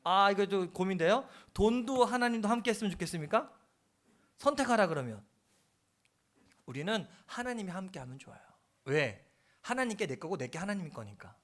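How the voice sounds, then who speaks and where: A man's voice: high voice, expressive, fairly quick, fairly bright tone. A middle-aged male pastor preaching a sermon, telling a story and asking the congregation questions.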